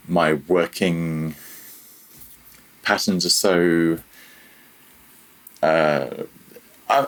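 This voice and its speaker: Speaking as an interview guest on a podcast, a freelance audio developer in his thirties is halting and candid, fixing his sentences partway through and laughing at himself. His voice sits low, and the recording is rough.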